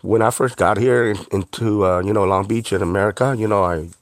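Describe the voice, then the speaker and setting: A middle-aged chef and author who grew up in Cambodia with Khmer as his first language speaks earnestly in an interview, using many fillers. His voice is lowish and fairly even in intonation, a little fast. The recording is studio quality with no echo.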